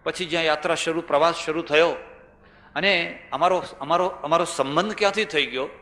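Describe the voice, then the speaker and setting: A man's voice: a little high, moderate pace, sharp tone, slight background noise. An older man with a Gujarati accent giving a religious discourse, telling stories, asking rhetorical questions and repeating phrases for emphasis. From India. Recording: echoey hall with long reverb.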